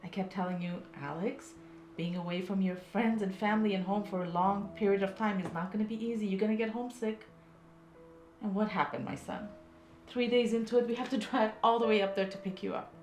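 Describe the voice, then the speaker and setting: Middle-aged mom for family drama female actor: medium-pitched, weary, evasive, gently firm delivery. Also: fairly even intonation, a little fast, faint music behind, natural voice. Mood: placating, firm. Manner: placating, firm, dismissive. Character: weary, evasive, stubborn mother of a grown son. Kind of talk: naturalistic film drama dialogue.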